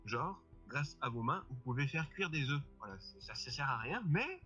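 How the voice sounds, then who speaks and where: A man chatting casually on a homemade web radio show, stumbling through his review with fillers and restarts. His voice sits at an ordinary pitch, and the recording is dull and lo-fi with faint music underneath. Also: lively intonation, normal speed, sharp tone. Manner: hesitant, many fillers and restarts. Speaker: co-host presenting a forum review.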